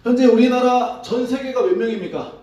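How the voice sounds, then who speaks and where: A man preaching as a pastor, asking his congregation questions in a relaxed, conversational sermon. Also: very high-pitched, fairly quick. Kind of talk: interactive sermon. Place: church sanctuary. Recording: echoey hall, distant mic.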